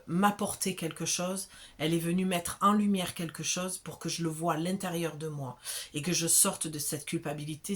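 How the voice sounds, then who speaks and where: A woman from the south of France with a southern French accent gives a casual, chatty spiritual oracle card reading to the viewer. She keeps checking in with the listener as she talks. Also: lowish voice. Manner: chatty and familiar, with frequent check-ins.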